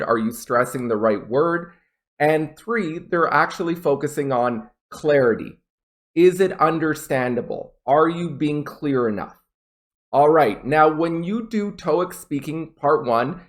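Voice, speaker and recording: A man teaching an online English test lesson, speaking clearly and deliberately and exaggerating rising intonation to demonstrate. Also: on the high side.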